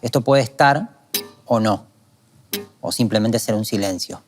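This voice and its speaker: Calm man teaching guitar technique. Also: on the low side, a little slow. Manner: calm, methodical explanation. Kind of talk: explanatory guitar lesson. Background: guitar playing.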